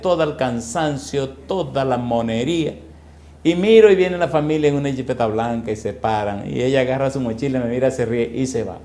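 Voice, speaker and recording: A man's voice: medium pitch, a little mellow, roomy sound, slight background noise. A male pastor, preaching a storytelling sermon and putting rhetorical questions to his congregation. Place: church.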